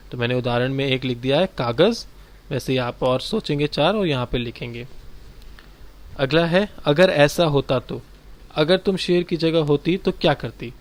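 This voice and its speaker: Guy teacher going thru workbook answers for kids, slow patient explaining, talks right to the class. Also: mid-range voice. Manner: explains slowly, addresses children directly. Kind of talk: textbook exercise lesson for children.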